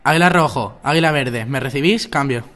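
A teenage boy playing a calm military base operator in an amateur radio drama, using formal procedure talk over a radio. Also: medium pitch, brisk, lightly acted. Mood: businesslike. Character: military control-tower operator, calm and apologetic. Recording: loud music behind.

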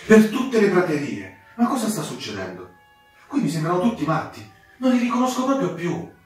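A man's voice: medium pitch, sing-song, normal speed, pitched above the performer's own voice. A man voicing a young, curious and anxious male wolf cub who asks eager, pleading questions, in a storybook. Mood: alarmed. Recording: very echoey room, distant mic, soft music.

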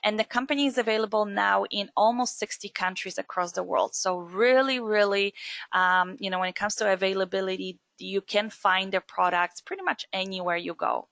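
Woman from Poland, webinar presenter, chatty and filler-heavy, bright tone, dry mic. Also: medium pitch, moderate pace, vocal fry, dry recording. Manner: chatty, many fillers and asides. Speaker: skincare distributor presenter.

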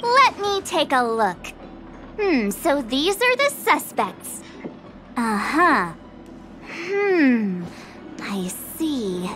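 A woman's voice: high voice, very animated, fairly bright tone, a little hiss or hum, heavily acted. An actress playing a cheerful, eager young woman adventurer in a video game, bubbly and teasing. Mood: excited. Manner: bubbly and playful, quick to tease. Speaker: game character.

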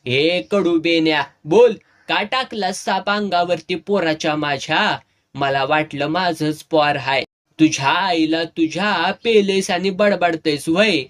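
A man shouting as a rough angry villager. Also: fairly high pitch, slow. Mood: furious. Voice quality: shouting, coarse.

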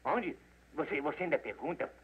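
Brief: exasperated associate, high, husky, lo-fi. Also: male voice, lively intonation, normal speed. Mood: agitated. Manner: exasperated, pleading. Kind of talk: 1940s Brazilian Portuguese film dub. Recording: dull old film dub.

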